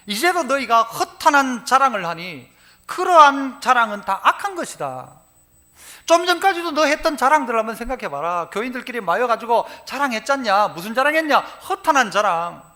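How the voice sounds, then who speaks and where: A man's voice: very high-pitched, very animated, normal speed, sharp tone. A male pastor with a Gyeongsang accent preaching a sermon in church, leading the congregation in repeating verses and asking and answering his own questions. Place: church sanctuary.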